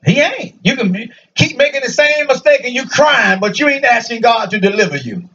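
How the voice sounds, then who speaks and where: A man preaching a lively sermon to a congregation in a church, joking and calling out for answers. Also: very high-pitched, fairly quick. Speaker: pastor. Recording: dull, distant church recording.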